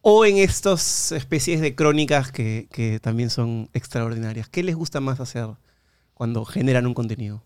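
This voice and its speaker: A man's voice: mid-range voice, animated, moderate pace, darkish tone, clear, resonant tone, dry recording. A man with a Peruvian accent hosting a podcast interview, chatty and courteous with his guests, laughing often. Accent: Peruvian Spanish. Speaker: podcast host.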